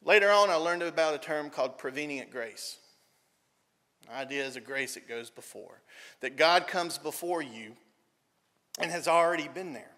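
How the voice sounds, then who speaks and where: Middle-aged Southern pastor, higher-voiced man, earnest storytelling sermon, big hall reverb. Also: normal speed, long pauses, bright, forceful tone. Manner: earnest, storytelling, repeats phrases for emphasis. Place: church sanctuary. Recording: long church hall reverb.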